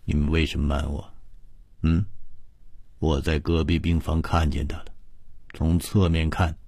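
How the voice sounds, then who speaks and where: A sick company boss, uneasy and brooding, speaking from his hospital bed in a very deep, dark voice, as a storyteller plays him. The sound is dry and close. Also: little pitch movement, measured pace, creaky, no echo, heavily acted.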